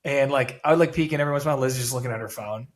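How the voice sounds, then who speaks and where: A young man co-hosting a podcast, telling relaxed anecdotes and laughing along. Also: mid-range voice, racing. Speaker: podcast co-host. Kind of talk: casual chat.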